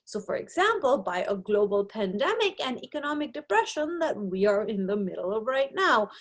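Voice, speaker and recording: Recorded through a webcam for a video lecture, a young woman from Nepal uses a medium-pitched, fairly bright voice to walk through sociology concepts on slides. Not a native English speaker, she keeps the tone explanatory and frequently adds "right?"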